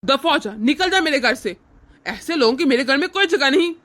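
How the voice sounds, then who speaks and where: Playing a domineering older man in a cartoon family drama, a woman delivers scorn and threats with a contemptuous edge, barking orders. She speaks fairly quickly in a high, slightly bright voice with lively intonation.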